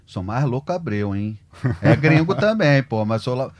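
A man talking football in an animated, emphatic, colloquial way as a sports journalist. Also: mid-range voice, normal speed. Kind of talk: casual sports discussion.

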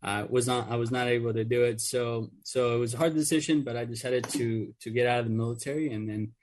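Male guest, Mexico-born vet, earnest and filler-heavy, average pitch. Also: fairly even intonation, fast, darkish tone. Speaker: guest, Air Force veteran. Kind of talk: casual radio interview.

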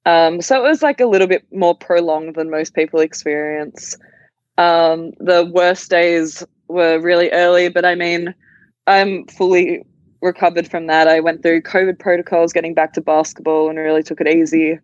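A woman's voice: fairly low pitch, fairly even intonation, normal speed, darkish tone, no room sound. Young aussie woman guest, easygoing, lots of ums, dull dry remote audio. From Australia. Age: young adult. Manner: easygoing, many ums and likes. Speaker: guest, college basketball player. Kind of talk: casual interview chat.

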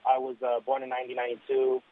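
A man in his late twenties calling in to a radio show, speaking haltingly and reflectively, with many pauses and restarts. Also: mid-range voice, monotone. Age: 20s. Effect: calling in over a phone line. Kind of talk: casual chat. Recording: tinny phone line.

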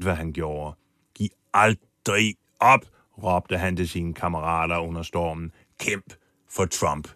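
A man's voice: low voice, fairly bright tone, dry recording, clean studio sound. A man telling a true story as host in scripted documentary narration, acting out the quoted lines with drama. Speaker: podcast host and foreign correspondent.

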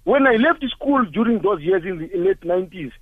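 This caller, a man in his forties from Zimbabwe, has a high, expressive voice and speaks at a moderate pace on a dry recording through a tinny phone line. He rings a talk show with emotional comments, angrily firing off one rhetorical question after another.

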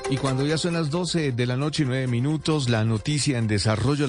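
A man's voice: lowish voice, a little mellow. A man with a Colombian accent reading a radio news bulletin as presenter. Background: music bed.

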